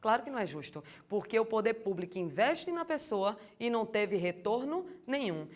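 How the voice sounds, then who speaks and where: A young adult woman, lecturing on law for exam prep in a lively, colloquial way and asking the class rhetorical questions. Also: fairly high pitch, normal speed. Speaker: law course teacher.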